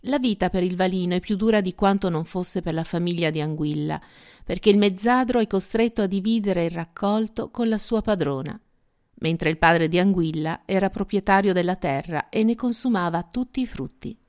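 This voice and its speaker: A woman hosting a literary segment, introducing and summarizing a novel in clear, even scripted narration. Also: lowish voice, moderate pace. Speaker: host of a book segment. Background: faint music.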